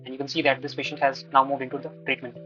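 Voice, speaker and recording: A man's voice: medium pitch, monotone, very fast, sharp tone, muffled recording, soft background music. Indian-accented man presenting a step-by-step demo. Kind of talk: live product demo walkthrough.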